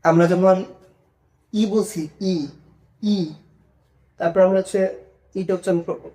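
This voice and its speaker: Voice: medium pitch, steady tone, normal speed, warm tone. A language teacher giving an online lesson, patiently drilling single sounds one by one and often checking that learners follow. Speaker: Chinese pronunciation teacher.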